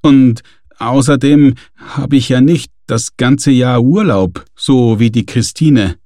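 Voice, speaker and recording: A man playing a fretful, grumbling homebody who whines his complaints, his voice climbing as he frets. The read is slow and dry. It suits a storybook narration. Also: mid-range voice, mellow, no room sound, natural voice. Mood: whining. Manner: whiny, complaining.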